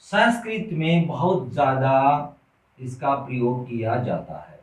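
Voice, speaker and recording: A man's voice: mid-range voice, big pitch swings. A man teaching a Hindi grammar lesson to children, asking questions and answering them himself, repeating key words. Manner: slow, repetitive question-and-answer drilling, addresses children as "beta". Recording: roomy echo, distant mic.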